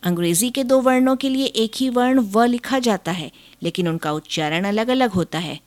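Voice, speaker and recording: A woman giving a formal reading of an essay in a measured, even delivery. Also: fairly high pitch, dry recording.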